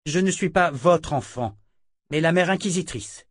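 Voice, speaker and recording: A male reader doing a cold, commanding woman of high rank, icy and proud. Her lines sit clearly higher than the reader's own voice, in a dry, close recording. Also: moderate pace, no room sound, natural voice. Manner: icy and authoritative.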